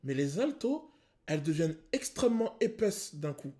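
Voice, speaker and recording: A male vocal coach explaining singing technique to viewers, pausing to sing short examples. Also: fairly high pitch, big pitch swings, warm tone. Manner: explanatory, addresses viewers, sings short demos. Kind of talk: vocal analysis video commentary.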